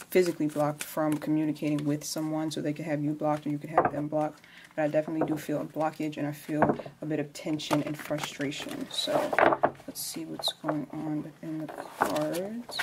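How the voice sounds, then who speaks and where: Quiet, low-pitched woman, hushed for night. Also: noisy background. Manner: quiet, low-key speaking at night, keeping it down for sleeping housemates. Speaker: tarot reader, channel host. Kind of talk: tarot reading, casual spiritual talk. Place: at home.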